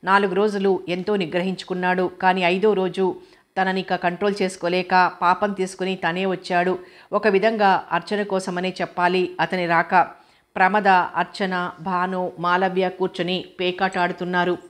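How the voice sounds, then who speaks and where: A woman narrating a novel as an audiobook reader, in a steady, measured storytelling manner. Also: fairly low pitch.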